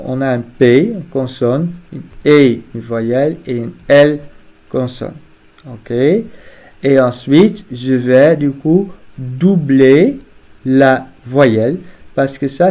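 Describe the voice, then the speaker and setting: A man's voice: mid-range voice, warm tone. A man teaching grammar step by step, methodically spelling out letters one by one.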